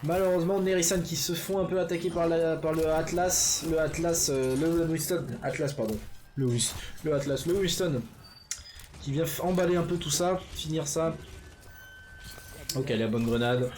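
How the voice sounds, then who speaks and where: Here a male esports caster calls a live match in a slightly high voice with a darkish tone, with slight background noise. His delivery is easygoing and talkative, sprinkled with fillers and rapid self-corrections.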